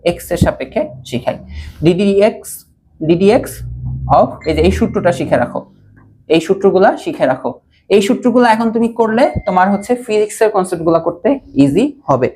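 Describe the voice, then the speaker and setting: A man's voice: sits high, animated, normal speed, darkish tone, slight background noise. Young man, online math tutor; question-and-answer style, keeps checking that the class follows. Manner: repeats key points as questions and keeps checking that students follow; mixes English math terms into casual speech. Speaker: teacher. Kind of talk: online physics and math lesson.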